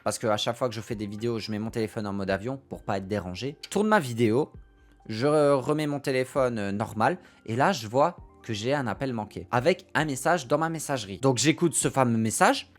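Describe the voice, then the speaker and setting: A young man from France, a streamer and video creator, tells his viewers a personal story to camera, emphatic and prone to repeating phrases for effect. His medium-pitched voice is brisk with lively intonation, and faint music plays behind him.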